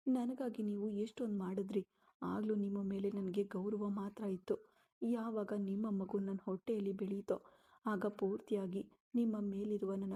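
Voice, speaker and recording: A woman's voice: mid-range voice, dark tone, breathy edge, close to an everyday voice. A woman voicing a grieving young wife pleading with her husband, read in a storybook style.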